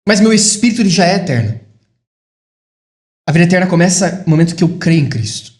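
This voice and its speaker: A man preaching a sermon in a high voice, recorded in an echoey room. He builds to emphatic declarations and then drops into quiet, reflective asides. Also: sing-song, fast talker.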